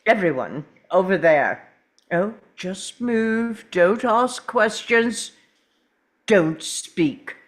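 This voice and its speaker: An actor playing an urgent, commanding time-travelling doctor in a dramatic script read, with deliberate, halting delivery. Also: mid-range voice, expressive.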